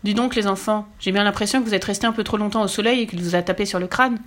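A woman voicing a pompous, greedy rich gentleman who talks down to children in a storybook reading. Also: mid-range voice, steady tone, fast, natural voice. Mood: scornful. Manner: curt and dismissive.

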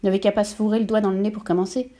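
A woman voicing a bossy, sharp-tongued mother who scolds curtly in a storybook reading. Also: mid-range voice, little pitch movement, racing, close to an everyday voice. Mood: scolding. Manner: scolding, curt.

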